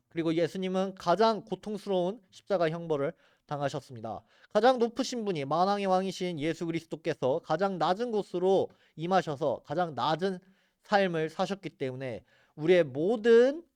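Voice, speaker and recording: A man's voice: a little high, darkish tone, clear, resonant tone, dry recording, clean studio sound. A man teaching a church Bible geography class in an earnest, explanatory way. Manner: earnest, explanatory, points at maps and photos.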